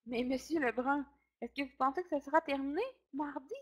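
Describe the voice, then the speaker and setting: A woman's voice: sits high, brisk, natural voice. Woman doing a prim, flustered school principal. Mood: fretful.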